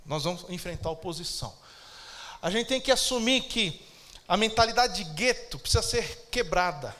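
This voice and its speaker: A man's voice: sits high, bright, forceful tone. A man with a Brazilian Portuguese accent preaching a sermon as pastor, emphatic and calling out to the congregation for amens.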